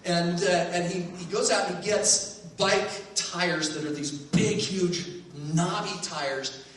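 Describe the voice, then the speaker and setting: A man with a high, bright voice tells a story on stage with lively energy, laughing as he acts out each part. His voice comes from a distance and rings through a large, echoey hall with faint noise underneath. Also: slow. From Phoenix, Arizona, USA. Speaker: storyteller and teacher.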